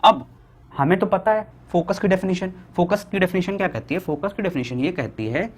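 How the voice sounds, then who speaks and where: A young Indian man teaching a physics lesson at a board, asking questions and answering them himself, slowing down to dictate definitions. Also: sits high. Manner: asks students questions and answers them himself, repeating key points.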